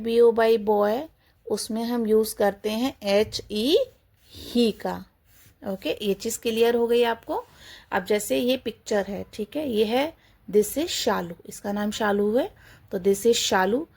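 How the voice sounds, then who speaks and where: A woman teacher with a fairly high voice, slowly and patiently teaching small children English. She asks a question and answers it herself, and sometimes imitates animal sounds. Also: darkish tone. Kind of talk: kindergarten English lesson in Hindi and English.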